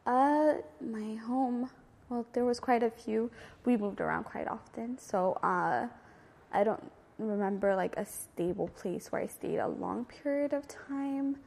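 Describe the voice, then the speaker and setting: A woman in her thirties, from Ethiopia and raised in San Diego from age nine, speaks in a high-leaning, gravelly, darkish voice at a measured pace. In an oral history interview in a community center room with a long, hall-like echo, she answers informally, reflectively and hesitantly, casually recollecting.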